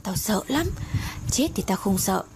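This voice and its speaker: A woman's voice: mid-range voice, lively intonation, unhurried. A woman voicing a frightened young woman haunted by guilt, pleading and tearful, read as an audio story. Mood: tearful, afraid. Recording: noisy audiobook recording.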